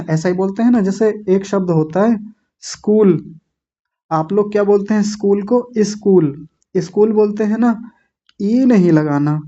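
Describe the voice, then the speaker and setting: A man teaching an online class, slowly and patiently drilling each syllable and gently correcting common mistakes. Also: sits high, dull audio. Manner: repeats words slowly, syllable by syllable, with corrective asides. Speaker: Sanskrit pronunciation teacher. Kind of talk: slow patient classroom instruction.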